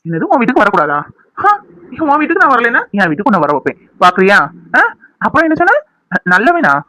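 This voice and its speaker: A man's voice: extremely high pitch, huge pitch swings, fast talker, bright, forceful tone, no echo, full character voice. A man voicing a scheming, taunting man in a cartoon, mocking and needling. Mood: smug. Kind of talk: cartoon voice acting.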